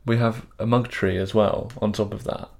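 A man's voice: fairly low pitch, flat delivery, moderate pace, vocal fry, a little mellow. A man co-hosting a podcast in casual chat, joking and laughing easily at himself. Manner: chatty, laughs easily, self-deprecating. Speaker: podcast co-host.

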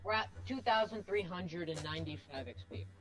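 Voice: mid-range voice, expressive, normal speed, fairly bright tone, low-quality recording. A player bantering casually during a tabletop role-playing game.

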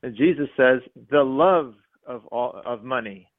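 A man calling in to a radio talk show, speaking over a phone line and rambling, halting often with fillers. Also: medium pitch, no echo. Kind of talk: call-in radio chat.

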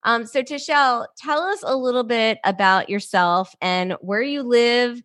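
A woman's voice: fairly high pitch, measured pace, fairly bright tone. A woman hosting a podcast interview over a video call, chatty and improvising. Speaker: podcast host.

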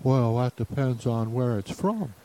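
A man's voice: medium pitch, expressive, a little slow, warm tone, close to an everyday voice. A man playing a friendly young Western wagon driver who speaks cheerfully.

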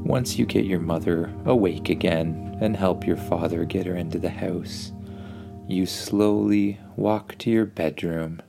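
A man narrating a bedtime story and guided relaxation in a soothing, hushed, unhurried manner. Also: low voice, gravelly, over music.

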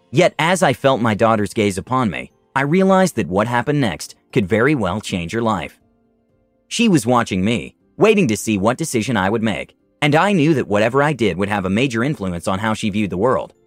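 Lively male storyteller narrating a campaign. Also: medium pitch, no echo.

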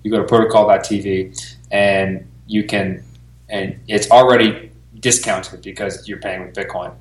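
A man's voice: fairly low pitch, fairly even intonation, moderate pace, echoey room, low-quality recording. A laid-back, joking male podcast co-host whose voice sounds hollow, like inside a metal tank, recorded in a tiled room at home. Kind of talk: casual chat.

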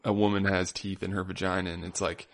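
A man co-hosting a podcast in casual chat, playful with deadpan absurd jokes. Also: deep voice, a little fast. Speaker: podcast co-host.

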